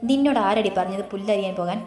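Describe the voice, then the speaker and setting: A protective young husband talks bluntly to his wife, as a woman narrator reads his lines. The voice is not deepened and stays at a middle pitch. A roomy echo hangs on it. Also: fast, a little mellow, soft background music, close to an everyday voice. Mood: angry. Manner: scolding then soothing.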